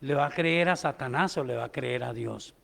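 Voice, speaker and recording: A man, a pastor preaching a sermon in a church, moving from hushed storytelling to shouted proclamations. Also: mid-range voice, moderate pace, creaky, long reverb tail. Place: church sanctuary.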